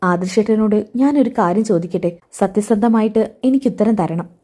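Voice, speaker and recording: A woman's voice: mid-range voice, moderate pace, mellow, close to an everyday voice. A woman reading the part of a hurt, defiant young pregnant wife who confronts her in-laws. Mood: worried. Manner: pleading and confrontational.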